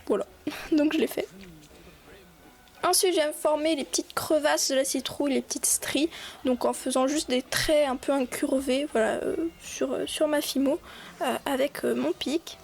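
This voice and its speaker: High-voiced young French woman chatting through a craft tutorial. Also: steady tone, moderate pace, creaky, darkish tone. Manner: chatty, many fillers and restarts. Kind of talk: casual voice-over tutorial.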